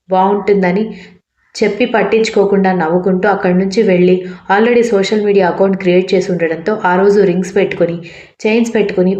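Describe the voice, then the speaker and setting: A woman reading a romance story aloud in a steady narrating manner. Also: mid-range voice, roomy sound, dull audio.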